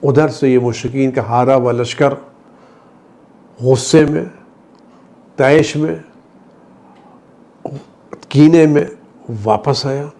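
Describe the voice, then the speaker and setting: A man delivering a Friday sermon, telling the story with passion, his voice rising high for emphasis, then dropping low and quiet. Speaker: Shia cleric giving a Friday sermon. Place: studio.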